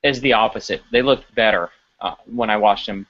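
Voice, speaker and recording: Male podcast co-host, casual game analysis, quick restarts, lo-fi audio. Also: lowish voice. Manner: animated, stumbling restarts while analyzing. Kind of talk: casual sports podcast chat.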